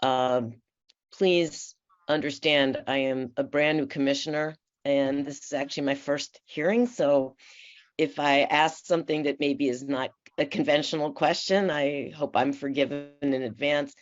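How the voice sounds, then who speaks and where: A woman from the San Francisco Bay Area who sits on a commission, questioning panelists at a formal hearing in a measured, polite way with frequent fillers. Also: low voice, steady tone. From San Francisco Bay Area, USA. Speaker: commission member. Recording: muffled, slightly dull audio.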